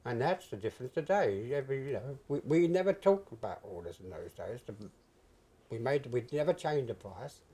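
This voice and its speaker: Older British male interviewee, soft mellow tone, hesitant conversational recollection with emphatic repeats. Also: medium pitch, big pitch swings, moderate pace, husky. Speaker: interviewee, retired stock jobber. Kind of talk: reminiscing in an oral history interview.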